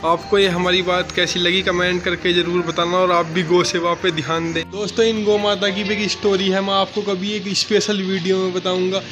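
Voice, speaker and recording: High, flat-voiced young village vlogger. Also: male voice, a little fast, few pauses, rough recording. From Uttar Pradesh, India. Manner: guides viewers, keeps saying "friends". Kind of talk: casual walking tour vlog. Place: outdoors in village fields and lanes. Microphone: phone held at arm's length. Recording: loud background music under voice. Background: music.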